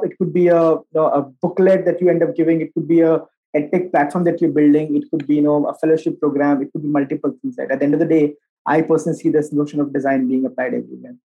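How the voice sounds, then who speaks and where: A man's voice: on the high side, steady tone, fast, mellow, husky, dull audio. A man with a North Indian accent giving conversational, explanatory interview answers and often tagging his points with "right?". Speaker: interview guest, social entrepreneur and designer.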